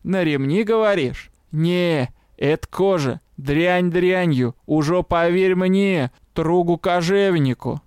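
A man's voice: sits high, slow pace, few pauses, darkish tone, clear, resonant tone, no room sound, clean studio sound. A man voicing a stocky, bearded village leatherworker who talks in a folksy, matter-of-fact way. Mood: businesslike.

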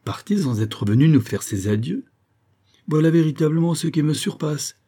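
Guy doing a windbag old fella, huffy and wordy, low mellow voice pushed up. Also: moderate pace, lightly acted. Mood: indignant. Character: talkative older man, pompous and fond of speeches.

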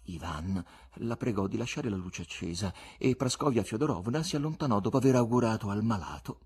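A man reading a novel aloud as an audiobook, with an expressive, theatrical delivery. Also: fairly low pitch, a little fast, slightly rough. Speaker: audiobook reader. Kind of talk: literary audiobook narration.

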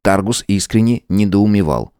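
Низкий мужской голос чтеца. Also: male voice, on the low side, clear, resonant tone, no room sound, clean studio sound. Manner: steady, measured reading. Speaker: audiobook narrator. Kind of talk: scripted narration.

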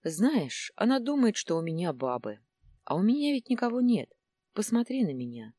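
A woman's voice: medium pitch, big pitch swings, normal speed, mellow, no room sound, clean studio sound, voice pushed up. Woman reading as grumbling aging husband. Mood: worried. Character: middle-aged man, worried husband, complaining.

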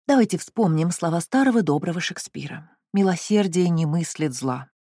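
A reader voicing a gentle, superstitious female cousin who speaks soothingly in an audiobook. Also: mid-range voice, expressive, moderate pace, dry recording, clean studio sound. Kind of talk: audiobook reading.

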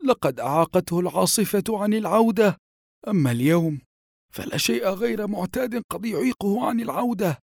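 A man's voice: high voice, animated, a little fast, creaky, darkish tone, no room sound, clean studio sound, voice pushed up, exaggerated voice. A man voicing a worried, stern old grandfather in an audiobook, speaking firmly. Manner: firm, anxious pleading.

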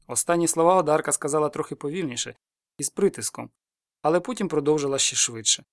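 A man narrating a dark folk tale for an audiobook, moving through it at a brisk, hurried clip. His voice sits a little higher than most men's, and the recording is dry and close, with no room sound. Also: no echo. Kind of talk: scripted story narration.

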